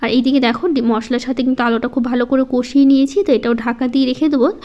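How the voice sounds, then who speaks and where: Soft-spoken high-voiced woman. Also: steady tone, dull audio. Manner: slow, soft-spoken, halting. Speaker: home vlogger. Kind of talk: casual voice-over vlog.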